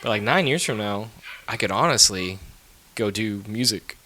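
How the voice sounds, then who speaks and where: A man's voice: lowish voice, animated, moderate pace, pushed and bright, a little hiss or hum. Man, 30s, podcast co-host; loose, teasing, swears a lot, casual chat. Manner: joking, swears freely, playful teasing.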